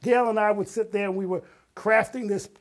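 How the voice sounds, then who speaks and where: The voice is high, steady in tone and fairly quick, belonging to an older man who is a retired artist and playwright. Being interviewed, he shares animated personal stories dramatically and emphatically, acting out quotes.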